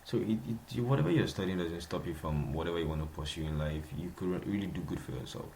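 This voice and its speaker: A man's voice: low voice, fast talker, gravelly, warm tone, a little hiss or hum. A young Nigerian man with a Nigerian accent, hosting a casual solo podcast, chatty and repeating himself, laughing often. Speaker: podcast host.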